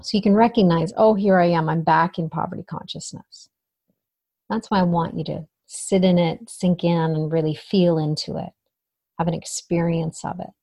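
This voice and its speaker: A woman leading a guided meditation as a spiritual coach, soothing and unhurried, with gentle pauses. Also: on the low side, steady tone, dry recording.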